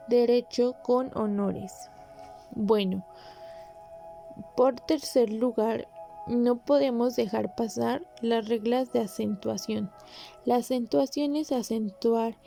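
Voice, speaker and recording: A woman hosting a podcast, calmly explaining Spanish grammar in a measured, instructive way with pauses. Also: a little high. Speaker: podcast host.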